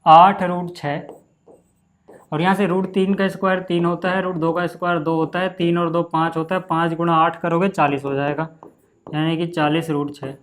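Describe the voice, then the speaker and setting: A man teaching a maths lesson in a relaxed, chatty way, often saying "okay" and calling his students "brother". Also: fairly high pitch, moderate pace. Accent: Hindi. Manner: casual, repeats "ठीक है" and "भाई" often. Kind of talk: screen-recorded maths lesson.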